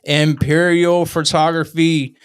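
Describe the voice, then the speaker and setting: A man hosting a relaxed livestream conversation with musicians, his voice sitting a little higher than most men's. He talks loosely and playfully, drops slang, and laughs often between his thoughts. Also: slow, clean tone. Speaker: podcast host. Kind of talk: casual chat on a livestream.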